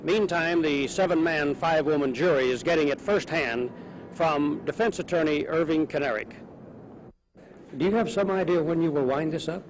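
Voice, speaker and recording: A man's voice: a little high, moderate pace, slight background noise, low-quality recording. A male news reporter giving a matter-of-fact report on an old newsreel. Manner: crisp, matter-of-fact reporting, then questioning a lawyer. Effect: old newsreel broadcast sound.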